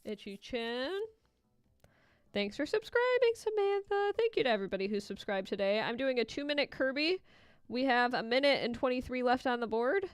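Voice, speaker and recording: Female livestream host, smooth clear voice, playful chatty delivery, close dry sound over music. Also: high-pitched, animated, normal speed, no room sound. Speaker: livestream host and Etch A Sketch artist. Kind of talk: casual livestream chat and running commentary to viewers.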